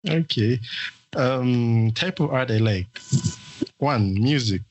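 A young man from Zambia, a guest in an interview, talking in a relaxed, hesitant way with many fillers. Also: medium pitch, takes it slowly, highs cut off, a little hiss or hum. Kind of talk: casual interview talk.

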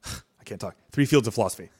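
On his laid-back podcast, a young man explains concepts in a lowish, darkish, slightly rough voice at a fairly quick clip. He wanders, corrects himself, restarts, and leans heavily on filler words.

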